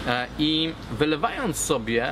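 A man in his thirties speaks casually to camera in a somewhat high voice. His delivery halts as he searches for words. He is outdoors, with clear urban background noise around him. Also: big pitch swings, unhurried. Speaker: cigar blogger, vlogger. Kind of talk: casual vlog talk to camera. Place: outdoors at a garden table by a brick wall.

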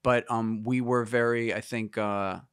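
A man's voice: medium pitch, fairly even intonation, unhurried, a bit bright, smooth, no room sound, studio quality. A man in his fifties talking as a guest musician in a casual interview, reflective and meandering, with many fillers and restarts.

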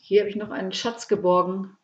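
A woman from Germany, reading her own comic story aloud with a dry, expressive delivery. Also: medium pitch, fairly quick, highs cut off. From Lüneburg Heath, northern Germany.

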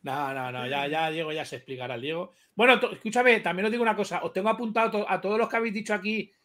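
A man's voice: high-pitched, quick pace, bright, forceful tone. A man on a live chat show, teasing and boisterous, swearing freely in heated banter.

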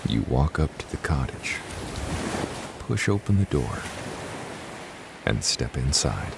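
A man narrating a guided sleep meditation in a soft, hushed, soothing voice that at times drops to a whisper. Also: a bass voice, sing-song, slow pace, vocal fry, noisy background. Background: new-age music and ocean waves.

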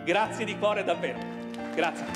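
A middle-aged man with a fairly high voice tells a heartfelt story from a theatre stage, pausing and restarting as he goes. His words ring out in a long hall reverb over live music. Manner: tender, halting, with small restarts. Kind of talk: monologue with musical accompaniment.

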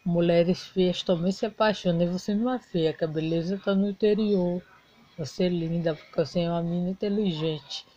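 A woman voicing a kindly, fatherly older man, the wealthy head of the house, talking calmly. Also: on the low side, brisk, muffled recording, close to an everyday voice. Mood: reassuring. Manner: calm, fatherly, reassuring.

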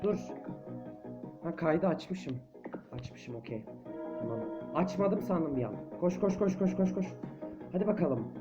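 A man giving casual let's play commentary on a horror game, jumpy and quick to shriek and chant when chased. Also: a little high, lively intonation, highs cut off, over music. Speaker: gameplay commentator.

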